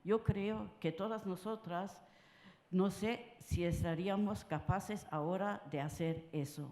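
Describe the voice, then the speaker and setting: An older woman from France speaking at a round-table panel, halting and full of filler sounds. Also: mid-range voice, a little mellow. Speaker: conference panelist. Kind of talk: personal talk at a round table. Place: conference hall. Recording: roomy conference hall sound.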